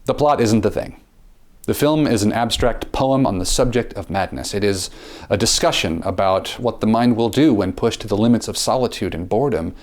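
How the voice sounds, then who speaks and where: A man delivering a scripted film review in a theatrical way, often repeating a word as he starts a phrase. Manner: theatrical, with dramatic pitch swings and slowed emphasis.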